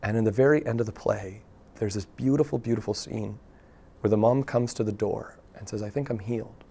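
A man, a local theatre artist, talking earnestly in a TV interview, telling things in an animated way with many restarts. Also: on the low side, brisk, gravelly, breathy edge. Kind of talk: casual interview talk. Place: TV studio.

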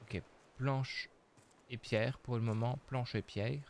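A man's voice: mid-range voice, fairly even intonation, slow pace, slight background noise. A man casually commenting on his survival game as he plays, thinking aloud with many hesitations. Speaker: streamer playing a survival game.

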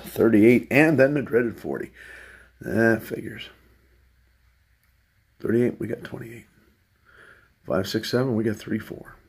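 A man's voice: on the low side, slow, vocal fry, long pauses, husky. A man hosting his own lottery video, talking to himself in a wry, sarcastic running commentary as he scratches tickets. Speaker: channel host.

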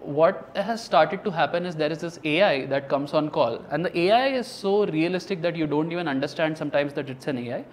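A man's voice: a little high, brisk, few pauses, a little hiss or hum. A man, a startup founder, giving earnest explanatory interview answers with some fillers.

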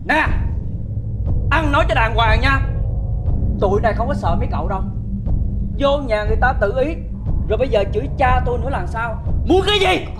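An actor playing a hot-tempered young son who confronts intruders angrily. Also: male voice, extremely high pitch, animated, fairly quick, pauses often, over music. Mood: angry. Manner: angry, confrontational.

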